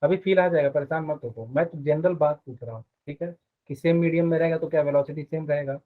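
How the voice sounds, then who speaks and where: Male physics teacher, slightly high voice, thin phone-like sound, asks a lot of questions. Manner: explains step by step, quizzes students with quick questions. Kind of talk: live online class.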